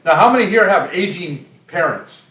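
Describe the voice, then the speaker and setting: A man leads a group discussion in a conversational way. His voice sits a little high for a man. He is heard from across an echoey conference room. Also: animated, moderate pace, fairly bright tone, far from the mic. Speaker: presenter.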